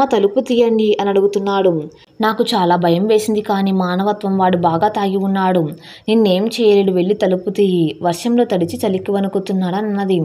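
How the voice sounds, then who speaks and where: A woman reads a scripted story with emotive, dramatic delivery. Her voice sits at a middle pitch for a woman. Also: mellow. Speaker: narrator.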